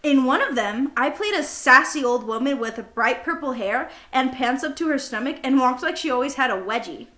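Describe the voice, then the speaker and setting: Talking at a moderate pace with barely a pause, this young adult woman has a high, animated, sharp-toned voice. She's a podcast co-host in a casual best-friend conversation, laughing at herself goofily and reading journal excerpts, recorded indoors with roomy echo.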